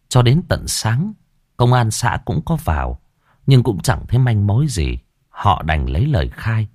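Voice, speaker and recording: A man narrating a village horror story in a dramatic, expressive storytelling manner. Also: low voice, no echo, studio quality.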